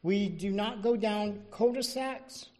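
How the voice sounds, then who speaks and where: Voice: medium pitch, slow, warm tone. A fire chief giving an informal, matter-of-fact presentation at a public council meeting.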